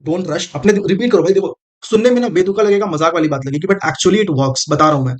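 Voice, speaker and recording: Fast-talking exam-prep coach. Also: male voice, high-pitched. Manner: direct, repeats points, calls listener brother. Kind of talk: casual coaching talk to camera.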